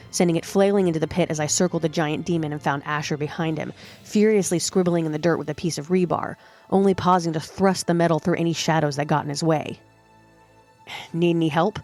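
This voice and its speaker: A woman with a low-pitched voice tells a first-person story in a steady, dramatic way. Faint music plays under her narration.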